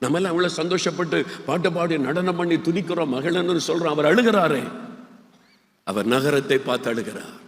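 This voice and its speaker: An older man, preaching a sermon that swings from hushed storytelling to high shouted appeals. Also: fairly quick. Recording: echoey hall.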